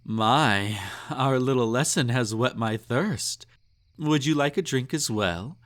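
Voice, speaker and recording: A man speaks slowly in a natural, mid-range voice, playing a snobby, possessive emperor, indulgent and menacing, in intimate romantic audio roleplay. He sounds haughty and condescending with a purr, and the overall mood is smug, tender and teasing.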